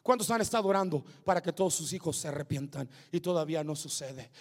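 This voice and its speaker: A male pastor preaching a sermon, moving between shouted climaxes and hushed asides. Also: on the high side, expressive, fast talker, long reverb tail. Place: church sanctuary with congregation.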